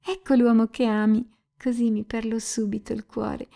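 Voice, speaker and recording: A woman's voice: a little high, level tone, normal speed, gravelly, dark tone, pitched above the performer's own voice. Grushenka, a fiery young woman voiced by a female narrator. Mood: tender. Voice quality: emotional, pleading, sighing. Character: passionate young woman, tearful and reckless. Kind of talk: dramatic audiobook reading.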